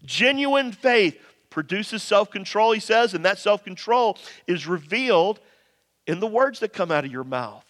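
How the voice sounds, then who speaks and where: A man's voice: high-pitched, expressive, unhurried, fairly bright tone. A man preaching a sermon, emphatic and conversational, addressing listeners directly with rhetorical questions and repetition. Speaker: pastor preaching. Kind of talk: sermon to a congregation. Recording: long reverberant hall sound.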